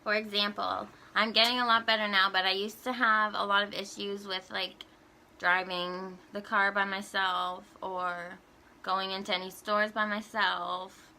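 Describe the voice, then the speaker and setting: A woman's voice: medium pitch, flat delivery, a little slow, bright, forceful tone, slight background noise. A young woman vlogger ranting bluntly through a countdown list, swearing often and laughing between points.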